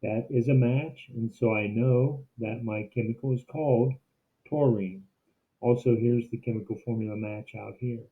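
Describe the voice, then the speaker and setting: A man's voice: medium pitch, fairly even intonation, normal speed. A man giving an instructional screencast demo like a teacher, explaining things step by step. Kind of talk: instructional screencast narration, semi-scripted. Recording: muffled, narrow phone-like sound.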